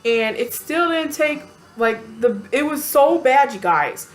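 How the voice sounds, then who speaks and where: A woman telling a personal story to camera in a casual, animated, chatty way, venting bluntly and acting out quotes. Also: high-pitched, a little slow, faint music behind. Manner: animated, chatty, lots of fillers and acted-out quotes.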